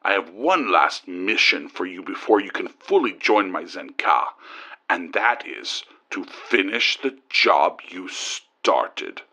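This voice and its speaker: A man's voice: low-pitched, big pitch swings, pushed and bright, voice pushed down, full character voice. A man voicing a scheming male crime boss who gives orders and threats over a comm. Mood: menacing. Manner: slow, commanding, threatening.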